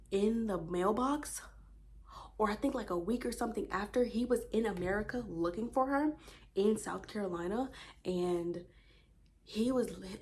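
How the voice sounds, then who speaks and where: A woman of twenty chatting to viewers about the books she read while doing her makeup, retelling plots with lively asides and rhetorical questions. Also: medium pitch. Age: 20s. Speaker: book vlogger.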